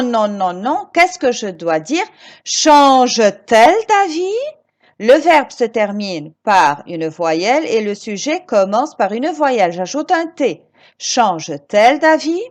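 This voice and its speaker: A woman teaching grammar to children, slow and emphatic, repeating each example and encouraging her pupils with questions. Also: fairly high pitch. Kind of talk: recorded grammar lesson for children.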